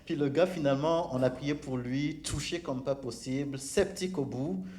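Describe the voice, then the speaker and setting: A man with a Québécois French accent telling a lively church testimony, laughing often and restarting his sentences. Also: medium pitch, moderate pace. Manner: animated storyteller, laughs often, stumbles and restarts. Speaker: church member giving testimony. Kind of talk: casual spoken testimony.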